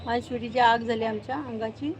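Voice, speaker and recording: A woman's voice: on the high side, steady tone, moderate pace, a little hiss or hum. A woman hosting a casual live stream at home, cooing baby talk to her cat and dog and scolding them sharply. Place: outdoors at home near a gate.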